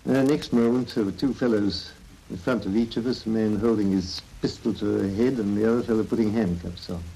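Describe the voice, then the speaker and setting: An old archive interview in which a man tells his story in a measured, plain way. His voice is low, gravelly and dark, with a husky edge. He speaks without any drama. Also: fairly even intonation, rough recording.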